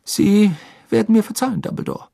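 A man voicing a pompous, stubborn male minister who shouts indignantly. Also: high-pitched, a little fast, vocal fry, dry recording, studio quality, pitched above the performer's own voice, heavily acted.

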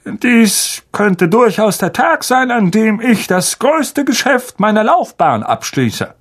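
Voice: medium pitch, sing-song, slow pace. Vernon: a pompous bossy uncle, as a reader plays him. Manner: self-important, commanding.

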